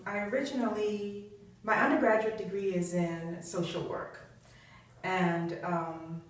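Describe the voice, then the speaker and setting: A middle-aged woman from Trinidad and Tobago, a business professor speaking as an interview guest, talking thoughtfully with frequent fillers. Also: lowish voice. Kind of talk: conversational interview. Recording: echoey room, distant mic.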